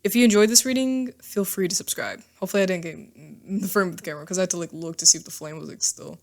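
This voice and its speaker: Speaking in a fairly low voice, this woman gives an informal tarot reading, reassuring her audience and sprinkling in side comments. Quick check-ins like "okay?" and "all right?" tag many of her points, picked up on a microphone.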